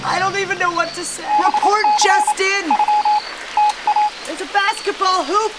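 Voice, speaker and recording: A woman's voice: extremely high pitch, steady tone, over loud music, poor audio. A middle-aged woman playing a self-important, overwrought TV storm reporter in a spoof live weather report, stretching her words for drama. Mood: grave, urgent. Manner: overwrought, drawn-out dramatic emphasis. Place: outdoors at night on rainy driveway. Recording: rain noise outdoors, camera mic. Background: rain falling.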